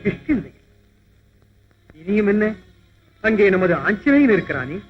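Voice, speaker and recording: A man's voice: sits high, big pitch swings, a little slow. A stern, proud divine king. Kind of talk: dubbed mythological film acting. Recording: dull lo-fi old film soundtrack with music.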